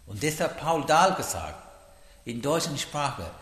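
A man giving a Buddhist dharma talk, speaking haltingly in broken grammar and checking in with the listeners often. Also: a little high, sing-song, fairly bright tone, roomy sound, in a large hall. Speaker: Buddhist teacher.

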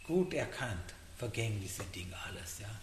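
A man gives a dharma talk on meditation in halting, unhurried German. He keeps checking in with his listeners with a questioning "ja?". His voice rings through a reverberant hall over faint background noise. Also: on the low side, animated. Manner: halting non-native German, frequent "ja?" checks. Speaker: meditation teacher.

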